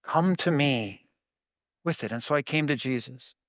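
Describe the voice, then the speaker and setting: A man preaching a sermon in an earnest, conversational way, his voice sometimes jumping up with excitement. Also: medium pitch, unhurried, no room sound, clean studio sound. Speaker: pastor.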